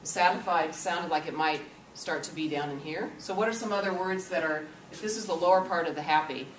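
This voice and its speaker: This is a deep-voiced woman presenting an interactive workshop at a fairly quick pace, gently checking comprehension with repeated "okay?". Recorded from afar by a camcorder in a classroom or meeting room, her voice carries echo over a steady underlying noise.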